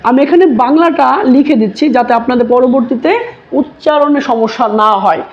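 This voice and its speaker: A woman's voice: high voice, muffled recording. A woman teaching letter sounds, saying each one twice and then asking and answering her own questions. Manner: slow, repeats each sound twice, asks and answers herself. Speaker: English teacher. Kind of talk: teaching lesson.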